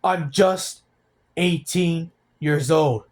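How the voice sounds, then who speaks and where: An eighteen-year-old man opens up about his feelings in a personal vlog, speaking haltingly and sounding downcast as he keeps restarting sentences. His voice is on the high side.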